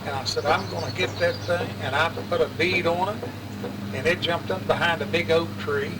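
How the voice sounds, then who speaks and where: A man's voice: a little high, fairly even intonation, fairly quick. An older man with an Appalachian West Virginia accent, telling family stories in a rambling, colloquial, folksy way. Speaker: interviewee sharing family memories. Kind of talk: casual oral-history storytelling. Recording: distant mic, clear outdoor traffic noise.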